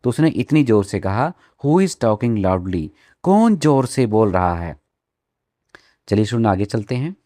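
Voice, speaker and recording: A man teaching an English textbook chapter, reading each line slowly and then explaining it in Hindi. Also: mid-range voice, lively intonation, mellow, no echo, studio quality.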